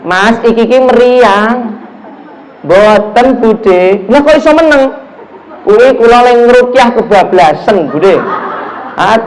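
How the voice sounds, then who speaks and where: A middle-aged man from Java delivers a casual, story-filled sermon in a mosque, speaking with a Javanese accent. His voice sits high and he slips into playful dialogue. Faint background noise runs under the recording. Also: rough recording. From Java, Indonesia. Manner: animated storytelling, acts out dialogue, mixes in Javanese phrases. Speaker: preacher.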